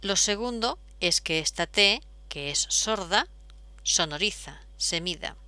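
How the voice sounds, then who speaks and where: A woman's voice: fairly low pitch, animated, unhurried, sharp tone, no room sound. A woman, explaining step by step as a teacher, patient, with frequent fillers. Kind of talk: explaining at a whiteboard.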